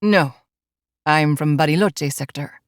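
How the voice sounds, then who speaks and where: A woman voicing a gentle, confident adult male alpha with a soft, smooth, lightly teasing manner. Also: deep voice, unhurried, dry recording, studio quality, pitched below the performer's own voice.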